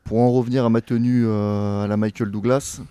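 A man's voice: medium pitch, little pitch movement, normal speed, dark tone, clean tone, no room sound. A man co-hosting a podcast, teasing and chatting casually. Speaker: podcast co-host. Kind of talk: casual chat.

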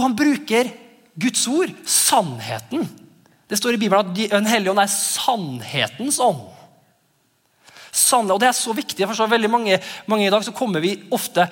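A lively male pastor in his thirties preaches in a high, swooping voice that rises and falls constantly. He laughs often and slips into playful voices for his children. His words ring out with a long church-hall reverb. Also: breathy edge. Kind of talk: sermon.

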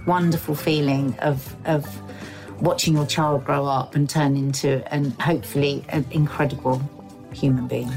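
A chatty woman in her fifties speaks in a low voice for a woman, co-hosting a parenting podcast. She is emphatic and laughs easily, with faint music far behind. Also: steady tone, normal speed. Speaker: podcast co-host, mother. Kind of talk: casual chat.

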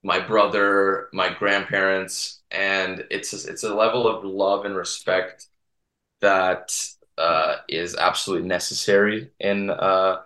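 A young man giving halting, earnest answers in a casual podcast interview. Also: sits low, little pitch movement, sharp tone, reverberant. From Toronto, Canada. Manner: earnest, halting, many restarts. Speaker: guest from a Serbian community TV channel.

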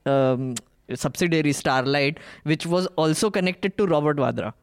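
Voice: medium pitch, normal speed, clear, resonant tone. A speaker with an Indian accent in a conversational political panel discussion, informal and often checking in with a questioning tag.

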